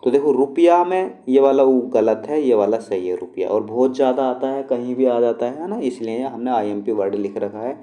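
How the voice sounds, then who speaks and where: Dark-voiced man teaching spelling. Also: medium pitch, normal speed, hardly any pauses. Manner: explains patiently, with frequent check-ins to the class. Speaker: shorthand and typing teacher. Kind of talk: spelling lesson walkthrough.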